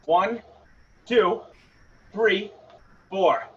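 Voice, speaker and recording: A man in his thirties leads a home HIIT workout in an indoor garage-style gym, calling out moves, counts, and punch combinations in short bursts like a boxing coach. His voice is high-pitched, a bit bright, and extremely slow. A camera several metres away records it, so the audio is distant, muffled, and noisy.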